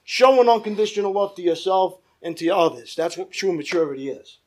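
A man with a very high, slightly mellow voice preaches a church sermon fairly quickly. He emphasizes and prolongs his key phrases, speaking directly to his audience to win their agreement and calling for amens.

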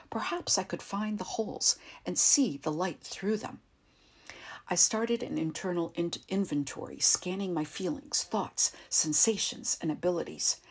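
A woman reading an audiobook in a calm, measured way, sometimes dropping to a soft whisper. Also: fairly low pitch, slightly rough. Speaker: narrator. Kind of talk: audiobook narration.

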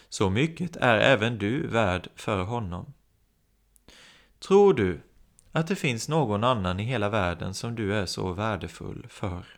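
Male preacher, low and gravelly, animated storyteller who acts out the voices. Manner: storytelling, acting out quoted voices. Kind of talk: sermon.

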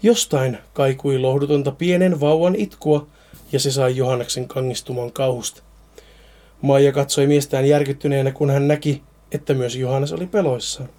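A man's voice: medium pitch, fairly even intonation, dark tone. A man reading a Finnish horror story aloud, now and then stumbling and repeating words.

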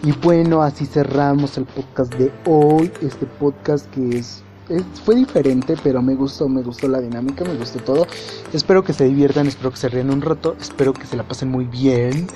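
A man's voice: mid-range voice, moderate pace, dark tone, soft background music. A man hosting a podcast, wryly recounting chat messages in a jokey, casual way. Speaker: podcast host.

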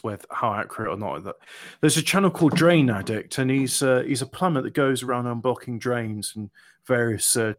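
A man talks in a casual, conversational style. His delivery is halting, feeling its way through each point. His pitch sits in the middle and the sound is dry, with little room on it. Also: no room sound. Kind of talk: casual chat.

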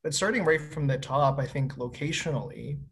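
A young man from Winnipeg, Canada, co-hosts a casual video-call conversation, sounding upbeat and encouraging. His voice is on the high side, a bit bright and slightly rough, at a normal speed.

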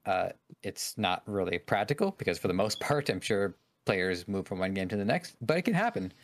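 A man with a somewhat low voice speaks in a casual podcast chat. He lays out his points in a measured, articulate way, building his argument step by step. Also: sing-song. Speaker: podcast co-host.

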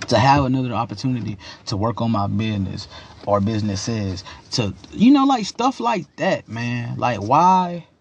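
A young man with a gravelly voice giving a casual, opinionated rant in a slangy, rambling, emphatic way, repeating his phrases. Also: medium pitch, very animated, normal speed. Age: young adult. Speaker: commentator giving personal opinions.

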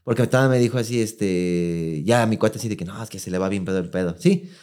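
A man's voice: on the low side, quick pace. Slangy Mexican man telling a story. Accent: Mexican Spanish. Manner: animated, slangy, acts out quoted voices. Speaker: podcast co-host. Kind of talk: casual storytelling chat.

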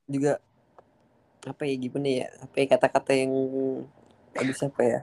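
A man's voice: medium pitch, monotone, moderate pace, darkish tone. A young man with a Jakarta accent chats casually as a podcast guest, using blunt Jakarta slang with some swearing. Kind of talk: casual chat.

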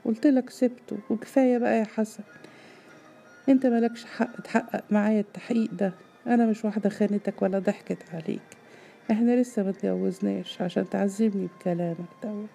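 A woman's voice: medium pitch, steady tone, quick pace, creaky, pitched above the performer's own voice. Woman playing a proud, hurt young woman. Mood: indignant. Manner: sharp and defensive.

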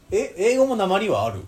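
A man hosting a casual chat podcast, talking lively and laughing often. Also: sits high. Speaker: podcast host.

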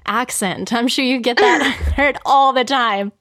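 A woman's voice: sits high, measured pace, a bit bright, dry recording, studio quality. A flirty, effusive woman with an American accent, hosting a casual, chatty podcast. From United States. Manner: flirty, effusive, uses endearments. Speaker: podcast host, sex expert.

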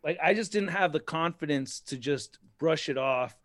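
A man's voice: on the high side, moderate pace, fairly bright tone, dry recording. A man chatting casually as a guest, rambling with lots of fillers and restarts, often laughing at himself. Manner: laughs often, self-deprecating. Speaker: interview guest. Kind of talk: casual podcast chat.

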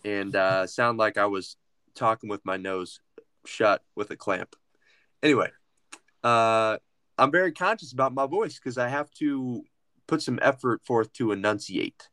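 A man's voice: on the low side, a little slow, bright, forceful tone, no room sound, studio quality. A man co-hosting a comedy talk show, speaking in a pompous, mock-formal, old-timey way. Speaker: podcast co-host. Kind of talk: comedic banter.

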